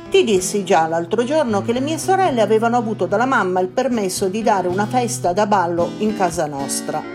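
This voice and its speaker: A woman narrating a children's storybook in an expressive, mock-earnest diary voice. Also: medium pitch. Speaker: audiobook narrator. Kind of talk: storybook reading in a boy's diary voice. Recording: guitar music behind voice.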